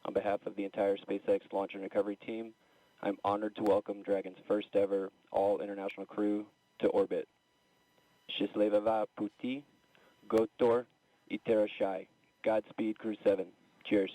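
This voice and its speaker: A man's voice: fairly low pitch, flat delivery, moderate pace, warm tone, dry recording. Man on distant mission radio. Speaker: launch director. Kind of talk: formal radio address to a crew.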